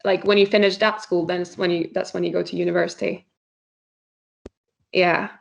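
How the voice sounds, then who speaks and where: A woman in her thirties from Norway, a nutritionist chatting as a podcast guest in a relaxed way with many fillers. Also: on the low side, moderate pace, vocal fry. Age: 30s. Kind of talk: casual chat. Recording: slightly dull lo-fi podcast audio.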